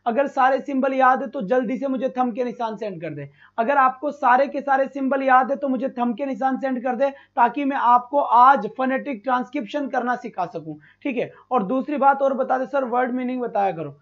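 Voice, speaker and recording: A male teacher runs a live online exam-prep class, calling students "beta" and repeating sounds slowly. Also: very high voice. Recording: dull lo-fi stream.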